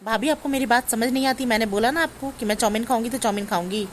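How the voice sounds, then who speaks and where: A spoiled grown daughter, voiced by a woman, whines, bosses and points fingers in a family comedy skit. Her voice is pitched a little high, with faint noise behind. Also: quick pace, lightly acted. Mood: demanding. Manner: whiny, bossy, accusing. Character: spoiled, demanding grown daughter visiting home.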